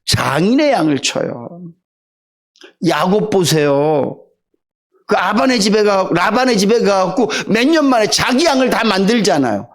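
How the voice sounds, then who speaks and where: Animated high-voiced male pastor preaching. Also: measured pace. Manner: animated storytelling, rhetorical questions to the congregation. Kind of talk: Sunday sermon.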